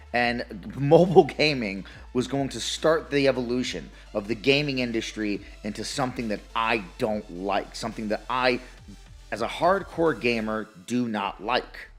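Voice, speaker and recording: A man's voice: mid-range voice, lively intonation, normal speed, soft background music. A man with a scratchy throat ranting emphatically about his views as a gaming commentator, swearing heavily. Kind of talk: opinionated rant.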